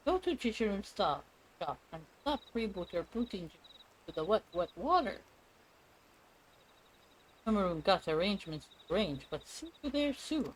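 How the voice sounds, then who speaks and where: A man doing a tiny, frantic fantasy beastman, squeaking far above his own voice. The words tumble out in broken, tongue-twisting bursts. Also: sing-song, moderate pace, long pauses, slight background noise.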